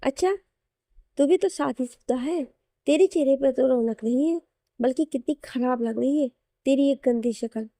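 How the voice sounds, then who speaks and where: A woman voicing a warm, joking young man who speaks respectfully to his sister-in-law. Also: extremely high pitch, normal speed, vocal fry, no room sound, studio quality. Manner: affectionate, joking.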